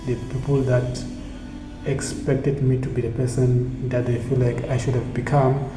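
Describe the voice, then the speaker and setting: Over music, a man with a flat, medium-pitched voice gives an earnest, reflective motivational monologue, pausing haltingly and repeating phrases. He is a South African community initiative founder whose first language is Tsonga, and the room is echoey with persistent background noise.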